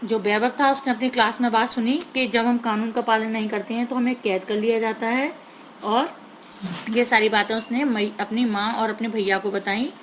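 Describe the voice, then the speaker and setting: A woman teacher slowly explaining a grammar lesson to young children, sounding out words carefully and mixing in English words. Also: a little high, steady tone, slight background noise, low-quality recording.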